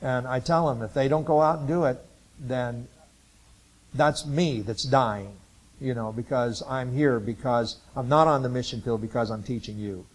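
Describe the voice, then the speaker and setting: Poor audio captures a medium-pitched man in his sixties from Ohio, a Bible college missions teacher, giving a relaxed testimony talk to a church group. He rambles and stumbles, using many filler sounds.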